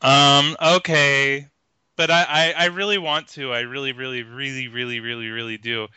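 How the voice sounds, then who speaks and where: A man's voice: medium pitch, steady tone, moderate pace, bright, forceful tone, clear, resonant tone, no room sound, highs cut off. A man co-hosting a casual gaming podcast, hesitant and prone to repeating himself. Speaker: podcast co-host.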